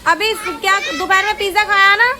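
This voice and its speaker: A woman's voice: very high-pitched, normal speed, noisy background. A woman chatting casually in a family vlog, talking to viewers and coaxing the children around her. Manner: chatty, scolds and coaxes children. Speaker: vlogger. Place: family home, indoors and rooftop.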